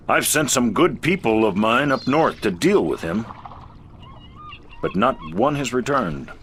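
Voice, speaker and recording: An actor playing a sarcastic merchant ship captain stuck in port, with dry, drawn-out delivery. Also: male voice, medium pitch, a bit bright, slight background noise.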